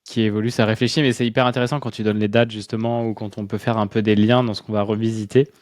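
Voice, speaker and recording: A man co-hosting an astrology talk, speaking friendly and casually to listeners, sometimes slowing and searching for words. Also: lowish voice, flat delivery, darkish tone, no echo, studio quality. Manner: friendly, addresses listeners directly, slow and searching at times. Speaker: astrology coaching co-host. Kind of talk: casual chat.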